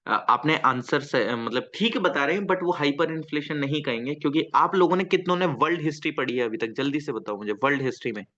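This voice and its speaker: A male teacher lectures a class at a fast clip with hardly any pauses, his voice on the high side, bright and forceful. He keeps asking the students questions, repeating himself to coax out answers. The recording has a slightly dull, lo-fi quality.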